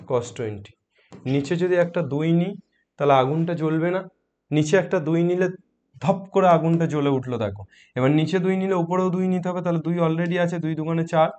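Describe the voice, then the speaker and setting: A man with a sore throat teaching a math lesson softly, coaxing students with questions as he works problems. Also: fairly high pitch. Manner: coaxing, asks students questions, mixes English math terms.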